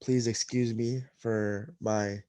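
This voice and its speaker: Nasal-voiced young man, flat delivery. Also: on the low side, takes it slowly, dry recording. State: recovering from nose surgery. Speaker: podcast co-host. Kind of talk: casual sports chat.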